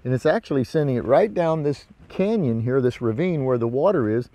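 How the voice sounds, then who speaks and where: A hunting instructor presents a casual, hands-on demonstration out in the brush beside a ravine, speaking informally and folksily a little fast. His voice is medium-pitched with lively intonation, and the recording is very noisy.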